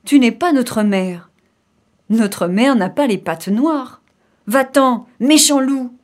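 A woman voicing a group of little goat kids in a storybook reading, chanting loudly and defiantly. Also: a little high, expressive, takes it slowly.

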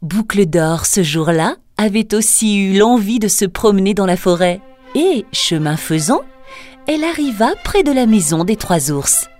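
A woman reading a fairy tale aloud as a storyteller, slow and singsong. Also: mid-range voice, animated. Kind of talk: scripted fairy-tale narration. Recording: narration over soft music.

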